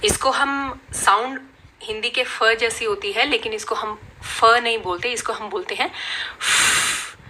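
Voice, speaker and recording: Woman, Indian accent, patient phonics teacher, bright clear tone. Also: fairly high pitch, a little hiss or hum. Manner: slow, patient, demonstrating each sound. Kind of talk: phonics lesson.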